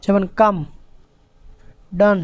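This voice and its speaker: A tutor teaches English vowel sounds, spelling each word letter by letter before saying it, in an even, repetitive teaching rhythm. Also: takes it slowly, dull audio. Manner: spells out words letter by letter, then says them. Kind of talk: spoken lesson to viewers.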